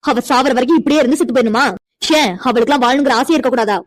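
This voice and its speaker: A woman's voice: high-pitched, rapid-fire, dry recording. A woman voicing a defiant young woman in a cartoon, indignant and lecturing as she defends her friend. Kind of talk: cartoon voice acting.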